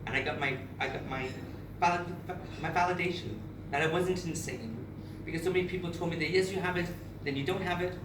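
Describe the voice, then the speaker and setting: Captured by a distant camera in an echoey, noisy room, a man in his thirties from Barbados addresses a charity event audience. His speech is candid, emotional and personal, full of restarts, in a slightly high, slightly fast voice.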